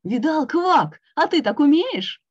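A woman's voice: high-pitched, very animated, slow, dry recording, pitched above the performer's own voice, full character voice. A woman voicing a boastful male toad in a storybook who brags and calls out. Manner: bragging, calling out. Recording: dull lo-fi online call.

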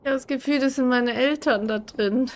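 A woman's voice: sits high, normal speed. A young woman giving casual commentary on a horror game she is playing, jumpy and swearing, screaming at the scares. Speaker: gaming streamer.

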